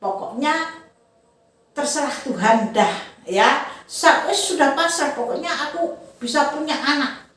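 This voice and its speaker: A woman's voice: high voice, unhurried, pauses often, a bit bright. A woman acting a sad pleading mother-to-be. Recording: echoey room, far from mic.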